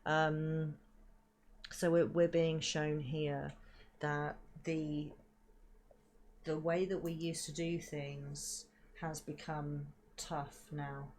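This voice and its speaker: A woman giving a spiritual card reading in a slow, soft, reflective way, with frequent ums and repeated words, into a desk microphone at home. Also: low-pitched, level tone. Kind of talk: livestreamed tarot reading.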